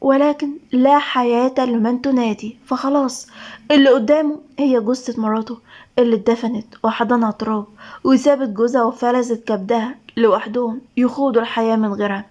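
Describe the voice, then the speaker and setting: A woman's voice: on the high side, steady tone, fairly quick, a little mellow, muffled recording. A woman with an Egyptian accent narrating a dramatic romance story with emotive reading. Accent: Egyptian Arabic.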